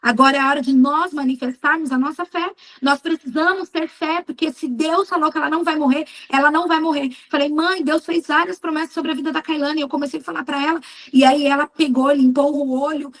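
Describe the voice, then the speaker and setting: A woman's voice: high-pitched, fairly even intonation, brisk, a bit bright, poor audio. A middle-aged woman giving a fervent church testimony, telling her story emphatically and quoting her own prayers. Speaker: speaker at a women's church meeting. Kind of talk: testimony sermon.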